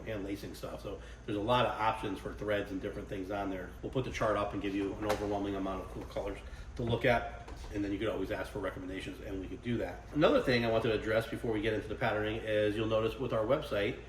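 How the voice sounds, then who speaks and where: A man, a little hoarse from illness, rambling casually about his custom motorcycle seat work. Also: on the low side, steady tone, quick pace, slight background noise. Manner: rambling, conversational, lots of fillers. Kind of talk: casual workshop vlog talk.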